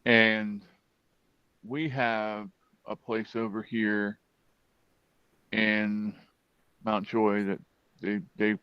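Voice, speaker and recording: Halting man on a dull, dry line. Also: on the low side, little pitch movement, clean tone, dry recording. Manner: halting, many fillers and restarts. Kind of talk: casual chat.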